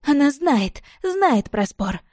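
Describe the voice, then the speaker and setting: Jealous young woman, desperate and shrill, pitched up high, as a woman reader puts her on. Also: expressive, normal speed, warm tone, no echo, studio quality. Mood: heated, pleading. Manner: shrill, pleading then furious.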